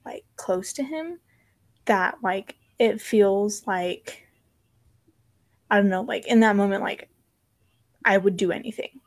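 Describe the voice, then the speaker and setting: A young woman guest on a podcast, talking casually and softly, filling her speech with "like". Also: mid-range voice, slow, pauses often. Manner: soft-spoken, heavy use of "like".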